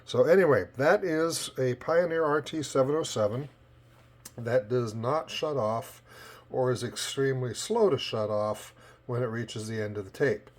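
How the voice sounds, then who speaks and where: At a repair bench indoors, a man demonstrates a repair in an informal, plain-spoken way, captured on a cell phone camera. His pitch is medium and his pace measured, with music from a tape machine in the background.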